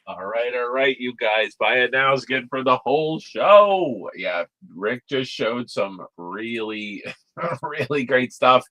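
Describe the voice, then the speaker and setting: A man's voice: medium pitch, lively intonation, slow, fairly bright tone. A man hosting a live comic auction stream from home, talking in a laid-back, rambling, chatty way full of fillers. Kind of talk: casual live-stream sales patter.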